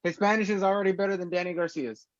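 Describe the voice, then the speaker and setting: A man's voice: high voice, steady tone, rapid-fire, no echo, lo-fi sound. A man chiming in with casual, joking chat.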